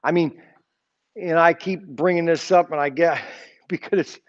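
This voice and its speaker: On a lo-fi recording, a sixty-something man gives a rambling, informal Sunday school Bible lesson. His voice is a little high and his pace a little slow, and he keeps asking his listeners "okay?"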